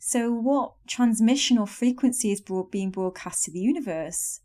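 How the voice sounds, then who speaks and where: Young female podcast host, warm dark timbre, earnest coaching delivery. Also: fairly high pitch, moderate pace. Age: young adult. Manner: earnest, coaching tone with soft self-help phrasing. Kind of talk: scripted solo podcast talk.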